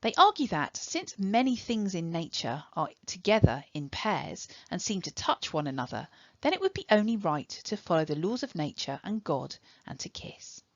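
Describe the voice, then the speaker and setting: English woman teacher, low and dry. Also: sing-song, normal speed, no room sound, dull audio. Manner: clear, instructive, step-by-step. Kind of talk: recorded online lesson.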